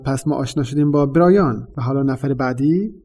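A man with a mellow, darker tone and a slightly breathy edge hosts a language lesson. Speaking at an ordinary pitch, he explains things step by step in a measured, patient teaching voice.

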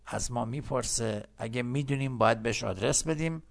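A man with a Persian accent teaching English in a recorded lesson, slowly repeating words for learners. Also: mid-range voice. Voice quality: gravelly.

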